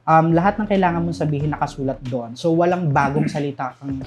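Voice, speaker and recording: With music in the background, this young man talks a little high and fairly quickly. A call center manager from Southern Leyte, Philippines, he has a Visayan accent and tells stories candidly as a casual interview guest, laughing often.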